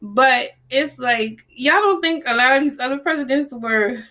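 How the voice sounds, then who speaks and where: A woman talking casually to camera, telling stories in a lively, blunt way and acting out the people she quotes. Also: high voice, a little slow. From New Orleans, US South. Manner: animated storyteller, acts out quoted people, blunt and salty. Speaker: vlogger.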